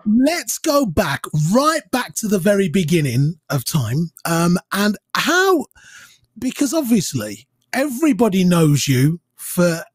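Guy hosting a chat show, high husky voice, dry close mic, stammers a lot. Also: sing-song, slow pace, no echo. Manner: enthusiastic, stammering restarts. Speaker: host. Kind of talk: casual interview. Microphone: headset and studio mic.

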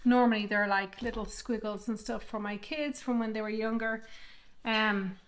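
Woman in her fifties, artist vlogger, fairly high voice, candid, reflective, meandering casual chat, home studio. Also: steady tone, normal speed, slight background noise. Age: 50s. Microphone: microphone she moves away from and back to.

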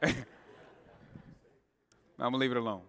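In a church sanctuary with a long reverb, a male pastor delivers a live sermon, talking directly and slangily to his congregation. His medium-pitched, sharp voice stays fairly even in intonation and runs a little slow.

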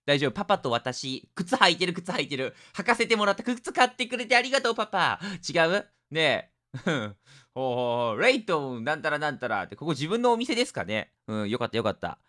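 A man with a Kansai accent doing jokey let's-play commentary, excitable and swinging from muttering to shouting. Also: on the high side, quick pace, hardly any pauses. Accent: Kansai Japanese. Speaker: game streamer.

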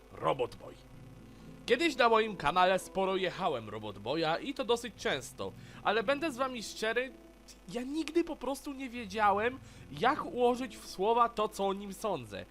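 A man's voice: sits high, a bit bright. A man narrating a casual video review of a cartoon, frank and opinionated in a chatty way.

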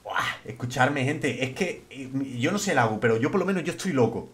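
A young man with a Spain Spanish accent, streaming a game in loud, excitable, crude banter. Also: medium pitch, brisk. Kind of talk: casual gaming stream banter.

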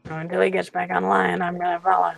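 Raspy young guy hosting a game challenge, high voice, lots of fry, chatty. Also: completely flat delivery, quick pace, a little hiss or hum. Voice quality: raspy put-on voice. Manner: chatty, reacting to gameplay. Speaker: host running a game challenge. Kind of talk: casual gaming commentary.

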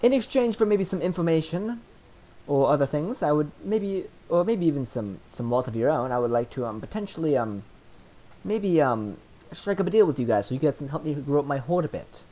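A man voicing a young male sapphire dragon, booming and halting with ums. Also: animated, dark tone, lightly acted. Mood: grandiose.

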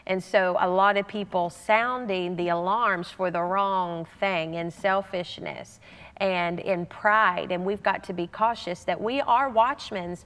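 A woman's voice: medium pitch, unhurried, a bit bright, in a large hall. A woman pastor giving an earnest, conversational sermon, often restarting her sentences for emphasis.

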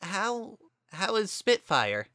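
A narrator doing a proud young pony mare, high and sharp. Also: female voice, sing-song, slow pace, no echo, clean studio sound, heavily acted. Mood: anxious. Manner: defensive, sharp-tongued. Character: young female pony unicorn student, proud and prickly.

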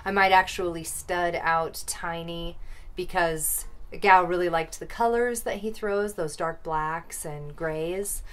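Woman, 30s, casual vlogger, lowish pitch, chatty and playful, recorded outdoors close to camera. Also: steady tone, fairly bright tone, clear, resonant tone. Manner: chatty, playful, quick asides. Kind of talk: casual chat. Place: outdoors by rabbit hutches in a yard.

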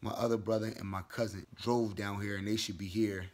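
A man's voice: on the low side, steady tone, brisk, reverberant, a little hiss or hum. A young man chatting casually in a vlog, slangy and laid-back, laughing often with friends. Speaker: vlogger, groom-to-be.

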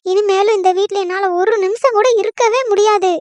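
Very high, dry-voiced scheming young wife. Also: female voice, steady tone, brisk, darkish tone, dry recording. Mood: aggrieved. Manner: sly asides, then fake tearful complaints. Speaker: daughter-in-law. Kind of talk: cartoon comedy voice acting.

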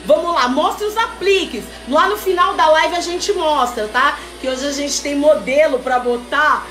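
A woman's voice: high voice, moderate pace. A woman hosting a live stream sale, chatting and teasing as she reads out viewer comments. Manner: lively, chatty and teasing, calls viewers "mulher". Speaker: host selling wigs on a live stream. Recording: echoey room with faint music. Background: faint background music.

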